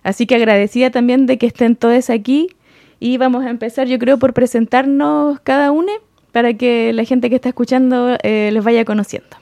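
Woman radio host, earnest, hesitant, high-ish mellow voice, dry sound. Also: fairly even intonation, brisk, creaky, no room sound. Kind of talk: community radio hosting.

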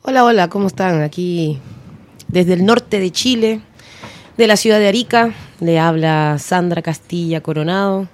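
Woman from Peru, lively radio guest, low dark voice, dry. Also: moderate pace.

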